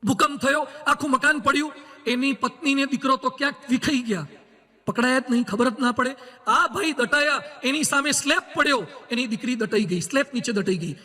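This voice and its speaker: Monk guy preaching a sermon, really high bright voice, big hall echo, acts out little stories. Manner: storytelling with acted quotes, slow emphatic English lines. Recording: long hall reverb.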